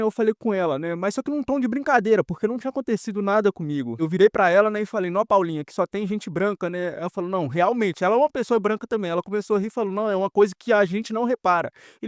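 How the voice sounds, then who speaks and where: A Brazilian man commenting casually over a video he plays, talking quickly and often tagging his sentences with "tá?". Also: high voice, no room sound, studio quality. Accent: Brazilian Portuguese. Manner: rapid, conversational, tags sentences with a questioning "tá?".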